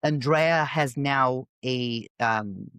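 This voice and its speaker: A woman hosts a casual podcast chat in an emphatic, animated way, often breaking off and restarting her sentences. Her voice is recorded close and dry, with no room sound at all. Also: a bass voice, very slow, clear, resonant tone, no echo. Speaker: podcast host and bodybuilding coach.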